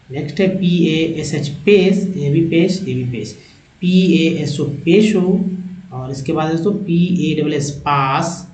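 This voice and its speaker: A man with a Hindi accent teaching English reading, spelling out letters and repeating each word slowly. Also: a little high, a little mellow. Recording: echoey lo-fi room recording.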